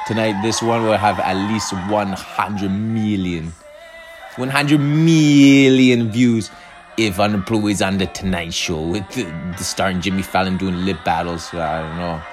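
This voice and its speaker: A man casually rambling through a reaction video, with frequent restarts and sudden loud bursts. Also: low voice, flat delivery, moderate pace, hardly any pauses. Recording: music playing loudly under the voice.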